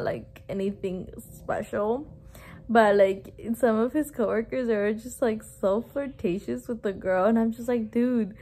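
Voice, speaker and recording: A young woman vlogging on her phone, chatting casually, switching between English and Spanish, laughing often and filling her talk with "like". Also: fairly high pitch. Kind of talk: casual vlog talk to camera. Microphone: phone held at arm's length.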